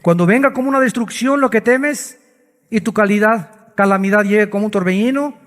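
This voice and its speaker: A man's voice: sits high, fairly quick, fairly bright tone, big-room sound. A male pastor preaching a dramatic sermon full of rhetorical questions.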